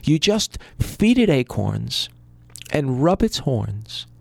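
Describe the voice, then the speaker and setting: A man's voice: medium pitch, sing-song, takes it slowly, gravelly, no echo, voice pushed up, heavily acted. A man voicing a poor, humble peasant man who sounds earnest and worried, speaking in a raised, pleading voice.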